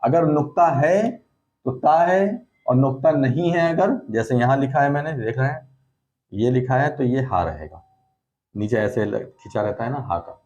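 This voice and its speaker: A man's voice: medium pitch, lively intonation, moderate pace, darkish tone, highs cut off. A man teaching a recorded lesson, explaining patiently and repeating points with frequent check-ins. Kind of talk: recorded lesson on letter shapes.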